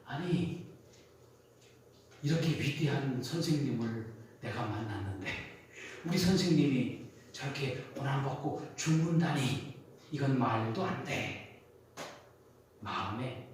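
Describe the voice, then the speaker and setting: A man's voice: mid-range voice, darkish tone, a little hiss or hum. A male pastor preaching a sermon, telling stories with animation and posing questions to the congregation. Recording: echoey church hall from a distance.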